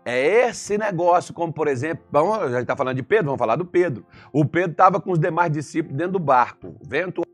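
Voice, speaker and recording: A man's voice: on the high side, fast talker, few pauses, soft background music. A Brazilian man preaching as a pastor, telling stories and firing rhetorical questions. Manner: animated storytelling, rhetorical questions. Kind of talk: sermon.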